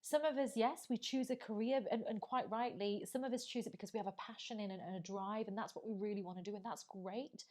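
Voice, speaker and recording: Woman, mid-pitched voice, jokey, laughs a lot, casual podcast talk. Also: steady tone, fast talker, hardly any pauses, a little mellow. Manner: jokey, laughs often, teasing asides. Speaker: podcast co-host. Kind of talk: casual chat.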